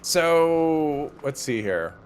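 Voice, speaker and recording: A man's voice: a little high, sing-song, extremely slow, clear, resonant tone. A man hosting a livestream, casually thinking aloud as he plays and rambling off into conversational asides. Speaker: livestream host.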